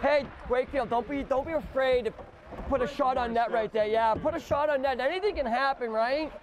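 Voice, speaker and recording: Man shouting high commands from a rink bench. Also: a little fast, background noise. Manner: encouraging, barks short commands. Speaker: youth hockey coach.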